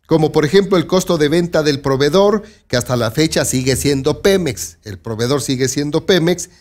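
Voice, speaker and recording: A man's voice: fairly high pitch, normal speed, a little mellow. A man hosting a local news commentary show, talking straight to his listeners and warning them to be careful. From Mexico. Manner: conversational, addresses listeners directly with warnings. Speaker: news host.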